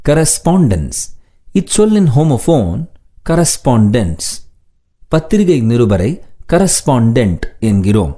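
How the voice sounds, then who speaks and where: Man, English teacher, Tamil native speaker, very slow careful delivery, lively pitch, mellow tone. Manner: slow, deliberate example sentences between quicker explanations. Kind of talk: spoken English lesson.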